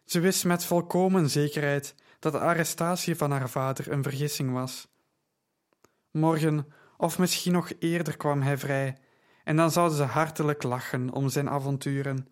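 A man narrating an audiobook in a measured, steady storytelling manner. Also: fairly high pitch.

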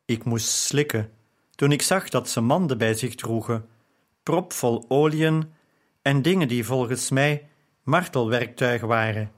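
A man reading a novel aloud in measured first-person narration. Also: mid-range voice. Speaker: audiobook narrator.

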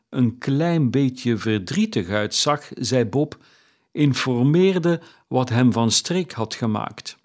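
Slow, measured male storyteller. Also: mid-range voice, a little mellow. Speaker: narrator. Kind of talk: audiobook reading of a classic story.

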